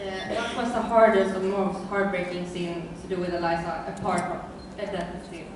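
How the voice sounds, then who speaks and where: Halting woman, distant in an echoing hall. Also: fairly low pitch, level tone. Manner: halting, hesitant. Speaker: audience member asking a question. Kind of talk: casual fan question. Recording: echoey convention hall, distant, noisy.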